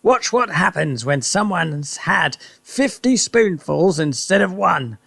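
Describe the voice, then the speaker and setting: A gloating, spiteful husband from a children's tale, put on by a man. Raised well above the reader's usual pitch, he crows loudly with lively swings and a gravelly edge. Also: slow, no echo, studio quality, exaggerated voice. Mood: gleeful. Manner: gleeful shouting. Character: gleeful, spiteful middle-aged husband.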